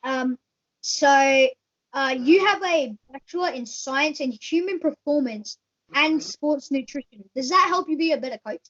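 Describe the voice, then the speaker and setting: A woman's voice: sits high, a little slow, a bit bright, highs cut off. A woman hosting a casual, chatty interview and asking the questions.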